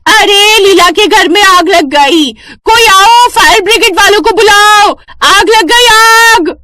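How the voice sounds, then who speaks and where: Gossipy neighbor lady, excitable and drawn-out, as a woman narrator puts her on. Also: medium pitch, dry recording, natural voice. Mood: shouting.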